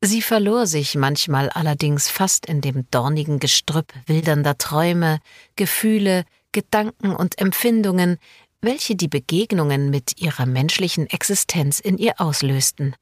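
A woman reads a literary story aloud in a calm, measured way. Her voice sits low for a woman and the sound is dry and close, with no room around it. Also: dry recording. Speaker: narrator. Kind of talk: scripted literary narration.

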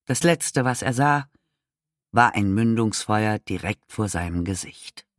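A man reads a novel aloud as narrator, taking his time over each phrase. His pitch rises and falls freely as he tells the story. The recording is dry and close, with no room sound. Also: no room sound. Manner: measured, expressive storytelling. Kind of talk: scripted audiobook narration.

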